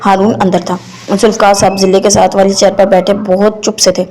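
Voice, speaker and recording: A woman reading a romance novel aloud in slow, measured narration. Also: mid-range voice, flat delivery, a little mellow.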